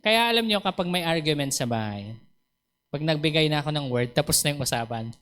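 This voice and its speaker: A man with a Filipino accent preaching a sermon as a pastor, animated and acting out quoted dialogue, chuckling between points. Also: on the high side, brisk, clean tone.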